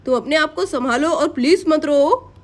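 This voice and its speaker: A gentle, worried village father, played by a woman in a cartoon story. His voice sits high and he keeps reassuring his family in a soft, soothing way. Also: moderate pace, natural voice. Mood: consoling. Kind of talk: Hindi cartoon story voice acting.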